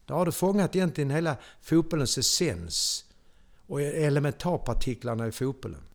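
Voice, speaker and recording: An older man from Sweden with a Scanian accent, telling personal stories in a theatrical way and breaking into sudden loud exclamations. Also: fairly high pitch, animated. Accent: Scanian Swedish. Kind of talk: animated personal storytelling.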